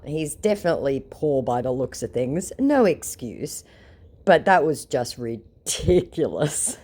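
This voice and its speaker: Low-pitched with a darkish tone, a woman vlogger who has an ear infection confronts a phone scammer, mocking him sarcastically. She then shifts to chatting with the people watching her scam-baiting video.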